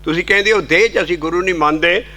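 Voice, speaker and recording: A man's voice: sits high, fast talker, bright, forceful tone. A man giving a devotional sermon, explaining scripture and breaking into sung hymn lines. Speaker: kirtan singer and preacher.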